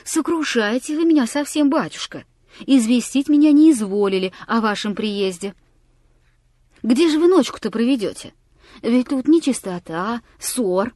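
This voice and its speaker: A woman's voice: fairly high pitch, animated, normal speed, dark tone, no room sound, clean studio sound. A woman voicing a fawning, tipsy middle-aged village bailiff who talks in a wheedling sing-song.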